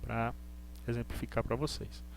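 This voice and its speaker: Patient teacher. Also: male voice, mid-range voice, level tone, vocal fry, a little hiss or hum. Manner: patient, repeats points, reads English examples slowly and deliberately. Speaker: English teacher. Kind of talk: live online class.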